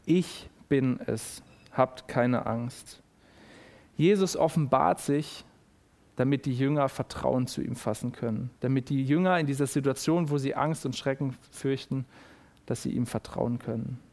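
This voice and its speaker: A man preaching a sermon, explaining slowly and repeating key phrases for emphasis. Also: a little high, a little mellow.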